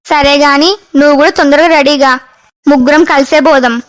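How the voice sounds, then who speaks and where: A woman's voice: high voice, steady tone, moderate pace, close to an everyday voice. A woman playing a bossy cartoon mother-in-law. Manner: confident, domineering. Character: bossy middle-aged mother-in-law, sure of herself.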